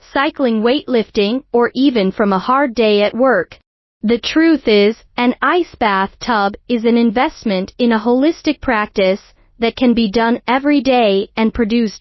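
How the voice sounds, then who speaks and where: A woman delivers scripted promotional narration in a fairly high voice. The recording is dry and close, with a slightly muffled, lo-fi finish. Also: no room sound. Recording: dull lo-fi sound.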